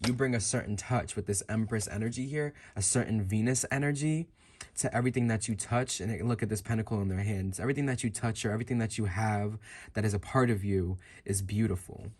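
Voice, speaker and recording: This man's lowish, darkish voice moves at a quick pace. Acting as a fortune teller, he gives an improvised tarot reading straight to the listener, thinking aloud and circling back to rephrase and repeat himself.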